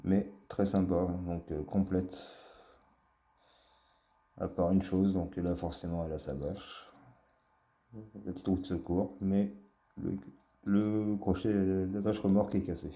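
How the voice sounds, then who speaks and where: With a dark, low-sitting voice and little pitch variation, this man slowly presents his collection, pausing for long stretches. It's an easygoing show-and-tell vlog in an echoey room, delivered hesitantly with many fillers and obvious fondness.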